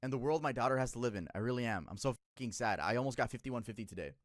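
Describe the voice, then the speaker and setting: A man in his twenties, a streamer casually telling a story to his chat, emotional and profane, jumping between loud outbursts and low muttering. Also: animated, rapid-fire, dry recording, studio quality. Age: 20s.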